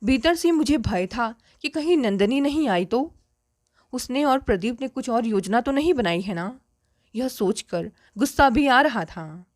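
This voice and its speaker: A woman reading a family story aloud in the first person, with steady, earnest storytelling. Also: a little high, a little slow, dry recording, studio quality.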